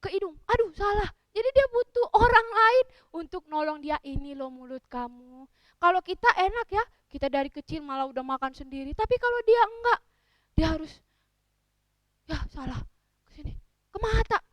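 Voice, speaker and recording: Animated high-voiced woman telling a Bible story. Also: normal speed, no room sound. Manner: animated, acts out characters' voices, cries out in parts. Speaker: Sunday school teacher. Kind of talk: children's sermon storytelling.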